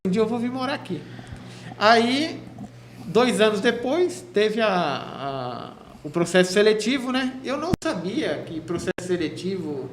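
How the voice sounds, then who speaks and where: A man from São state, telling his story as a guest on a radio interview, chatty, with many restarts. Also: sits high. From Cubatão, São Paulo state, Brazil. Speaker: guest, physical education teacher. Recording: echoey room with faint noise.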